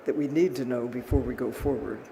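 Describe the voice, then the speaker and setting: A man giving a podium speech, making an emphatic appeal in short, deliberate phrases. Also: mid-range voice, warm tone. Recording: clearly noisy live event recording.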